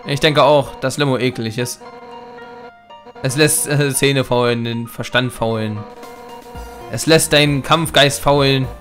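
Man reading fierce female fish warrior captain, game dialogue, boisterous, medium pitch, faint music behind. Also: steady tone, a little slow, long pauses, lightly acted. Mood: gruff. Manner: boisterous, loud bursts, chuckling. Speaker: Let's Play gamer reading dialogue.

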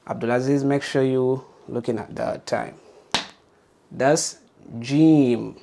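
A man's voice: mid-range voice, takes it slowly, gravelly, mellow, slight background noise. A man teaching a beginner alphabet lesson, patiently modeling letter sounds and encouraging learners to repeat.

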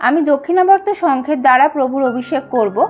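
A woman calmly explaining ritual steps one by one, now and then chanting mantras slowly. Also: high voice, dull audio, faint music behind. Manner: calm step-by-step explaining, addresses viewers as friends. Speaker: home puja demonstrator. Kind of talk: instructional voice-over.

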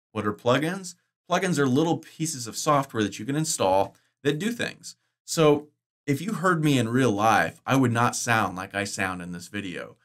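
In a casual explanatory vlog shot in an indoor green-screen studio, a middle-aged online course creator talks about course-making software. He is chatty and enthusiastic, loose with fillers and restarts. His voice is bass-boosted and the breaths are filtered out.

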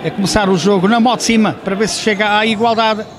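Male futsal commentator, high voice, hesitant live play-by-play with self-corrections, recorded in a noisy sports hall. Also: fairly even intonation, fast talker. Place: indoor sports hall during a match. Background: gym noise, ball bounces.

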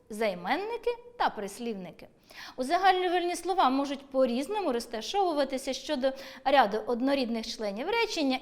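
A woman teacher giving an online school lesson, speaking clearly and deliberately, with a sing-song lilt on lists. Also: sits high.

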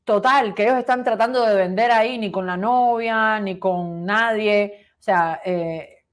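A Cuban woman co-hosts a casual chat show. She laughs easily and reads viewer comments aloud in a fairly high voice. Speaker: co-host.

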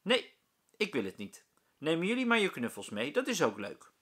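A man voicing a fussy but kind male schoolteacher in a storybook, loud and animated. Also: on the high side, moderate pace, slightly rough, voice pushed up, heavily acted. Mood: teacherly.

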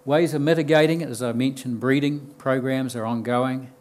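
An older man with a New Zealand accent speaks at a podium mic in a room full of listeners. He explains his points plainly in a middle-pitched voice, pausing on ums and restarting his sentences as he goes. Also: steady tone, a little mellow. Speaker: conference speaker. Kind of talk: conference talk. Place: lecture room with bookshelves and audience.

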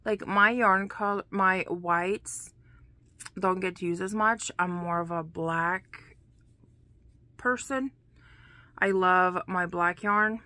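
A young woman talks casually to her camera in a dim room at home, showing her crochet work. Her voice is bright and clear, her pace slow and easy. She rambles from one thought to the next and sometimes drops into a whisper. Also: lowish voice, no room sound. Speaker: crochet vlogger.

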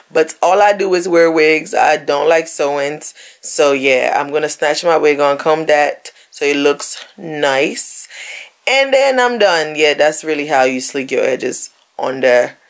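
A young woman talking viewers through a hair tutorial in a casual voiceover, chatty and joking with asides. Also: low-pitched. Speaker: beauty vlogger. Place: recorded apart from the pictured scene.

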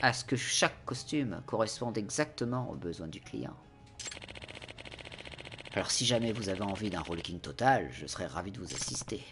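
A man voicing an overly polite male tailor, speaking softly and courteously. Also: lowish voice, lively intonation, moderate pace, a little hiss or hum, pitched below the performer's own voice.

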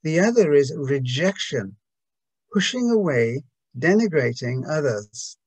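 A man's voice: a little high, a little mellow, slightly rough, no room sound, poor audio. A man giving a reflective Buddhist talk to a group, hesitant and full of restarts and rhetorical questions.

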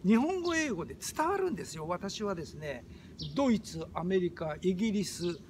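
A man's voice: high voice, very animated, normal speed, slight background noise. An older man, a YouTube host, giving an emphatic monologue, stressing and repeating his key phrases.

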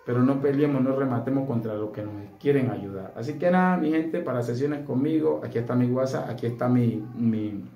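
A man's voice: mid-range voice, fairly quick, hardly any pauses, muffled recording. Blunt, earnest man in an echoey room. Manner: earnest and blunt, often asking "¿sí?" for assent. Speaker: spiritual coach. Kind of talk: direct-to-camera spiritual advice.

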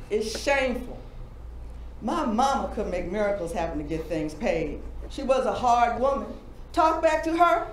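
A woman playing a weary mother whose children are grown, speaking in a measured, reflective monologue. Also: medium pitch, echoey room, a little hiss or hum, natural voice, poor audio. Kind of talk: dramatic audition monologue.

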